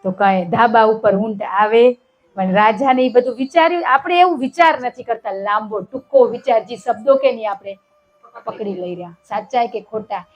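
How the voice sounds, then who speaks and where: A woman's voice: a little high, moderate pace, faint music behind, poor audio. A woman giving a devotional satsang talk. She tells a parable and keeps asking her listeners short questions. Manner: acts out the characters' shouted lines. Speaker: spiritual satsang speaker.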